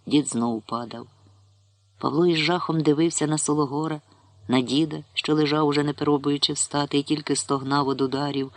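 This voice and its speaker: A man narrating a short story in an expressive storytelling manner. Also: on the high side, a little fast, no room sound.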